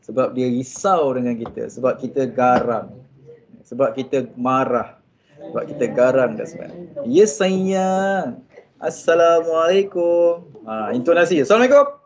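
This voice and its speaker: A Malaysian man giving an animated religious motivational talk to civil servants, mixing in English phrases and speaking straight to the audience. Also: mid-range voice, moderate pace, a crowd in the background. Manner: animated, mixes English phrases, often addresses audience directly. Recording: dull lo-fi sound.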